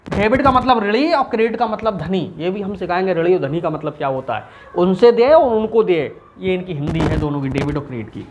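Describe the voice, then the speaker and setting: A man's voice: sits high, fairly quick, slight background noise. A man teaching commerce in an informal recorded lesson, asking questions and answering them himself. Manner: animated, asks and answers his own questions.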